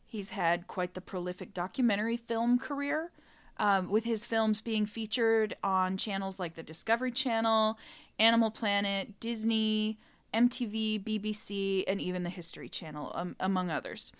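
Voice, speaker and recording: A woman's voice: mid-range voice, moderate pace, clean tone. A woman hosting a podcast, telling a story in a chatty, casual way with laughing asides. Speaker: podcast host.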